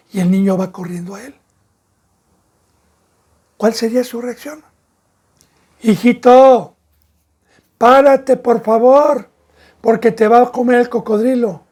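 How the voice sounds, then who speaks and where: A man's voice: high voice, breathy edge. A man, a pastor giving an emphatic sermon that leans into vivid storytelling. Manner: emphatic preaching, acting out shouted scenes.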